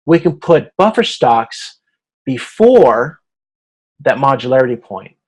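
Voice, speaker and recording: A male instructor leads an informal online class over video conference, hesitantly walking through slides step by step and checking that listeners follow. His medium-pitched voice is husky and darkish, slow and sing-song.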